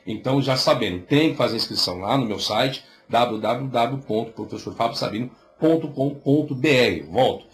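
A man's voice: mid-range voice, moderate pace, hardly any pauses. A middle-aged man from Brazil with a Brazilian Portuguese accent, a theology teacher who announces his upcoming online lecture. He fires off one rhetorical question after another, seated indoors and recorded on a webcam at desk distance. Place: small indoor room in front of a green screen, seated in an office chair.

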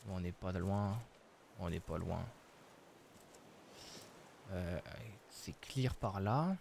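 Male game streamer, unhurried musing commentary, faint game noise behind. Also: low-pitched, vocal fry, darkish tone. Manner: slow, musing, thinking aloud with many hesitations. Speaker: streamer playing a survival game. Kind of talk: casual live game commentary.

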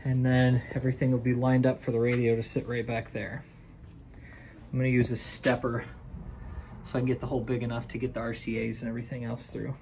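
A man talks his way through a repair job, folksy and rambling, as if thinking aloud. His pitch sits at an ordinary middle level for a man. A faint outdoor hiss runs underneath, picked up by a handheld phone. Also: completely flat delivery, brisk, darkish tone. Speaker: restoration video host. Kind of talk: casual how-to narration while working. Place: outdoors in a driveway and a garage workshop.

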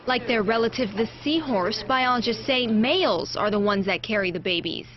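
A woman's voice: fairly high pitch, normal speed, noisy background. A young adult woman reading a scripted voice-over as a TV reporter on a wildlife news feature. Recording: slightly dull broadcast audio.

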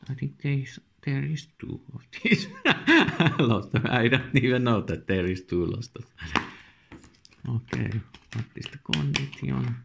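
A man with a Finnish accent speaks halting, non-native English in short, muttered remarks, as casual unscripted commentary on an unboxing. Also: medium pitch, creaky, fairly bright tone. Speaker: video game collector presenting an unboxing. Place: indoors at a wooden table. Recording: noisy room with handling clicks.

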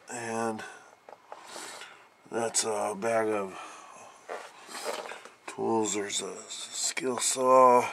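A man casually showing off the gear in his welding trailer, rambling and plain-spoken, cursing now and then. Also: fairly low pitch. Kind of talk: casual walkthrough vlog. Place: outdoors in a cold enclosed work trailer. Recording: noisy handheld camera audio.

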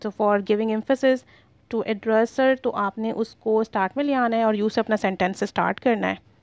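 A woman explains grammar rules at a very slow, deliberate pace. Her voice sits a little high, and each example sentence is carefully spelled out. The recording is dry and close, with no room sound. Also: steady tone, a little mellow, no echo. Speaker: English grammar teacher.

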